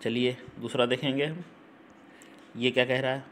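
A man teaching English grammar for exams, explaining in Hindi with frequent check-ins, spelling words aloud and reading English sentences slowly. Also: mid-range voice, steady tone, a bit bright, a little hiss or hum. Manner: repetitive, checks in with listeners (ठीक? हम्म?). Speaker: English teacher for exam prep.

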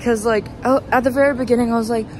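A tired, sleep-deprived young woman, a vlogger and student performer, rambles while walking a city street at night, halting and self-deprecating. Her voice is fairly high and steady, with a crowd behind her. She holds a phone at arm's length, and traffic noise fills the street.

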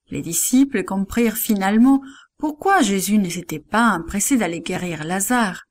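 A woman narrating a Bible story for children, unhurried and addressed straight to the young listeners. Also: medium pitch.

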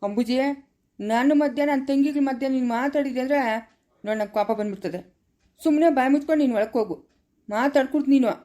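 A woman playing a mellow, steady elder brother. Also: high-pitched, fairly quick, lightly acted. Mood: stern. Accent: Chikkaballapura Kannada. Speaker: actor in a family drama. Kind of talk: village family drama acting.

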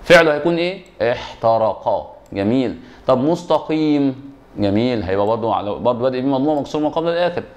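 A man's voice: mid-range voice, expressive, rapid-fire, few pauses, muffled recording. A man with an Egyptian accent teaching an exam review lesson, asking and answering his own questions and repeating the key rules. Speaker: Arabic grammar teacher.

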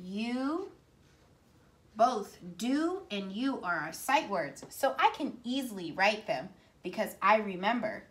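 Bright, slow-talking kindergarten teacher. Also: female voice, medium pitch, sing-song. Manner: speaks slowly and sounds words out for young children. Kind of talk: slow, clear classroom instruction.

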